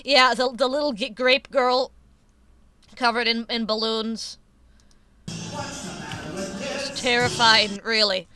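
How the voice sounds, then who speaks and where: A woman's voice: on the high side, fairly even intonation, unhurried, music in the background. A woman chatting casually on a live stream, rambling, swearing freely and laughing often, with a runny nose.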